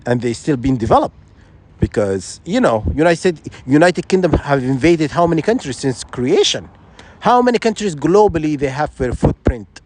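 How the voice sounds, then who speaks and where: A man's voice: fairly high pitch, big pitch swings, moderate pace, background noise. A man from Sudan, giving an insistent, rambling opinion monologue full of restarts and rhetorical questions. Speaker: vlogger.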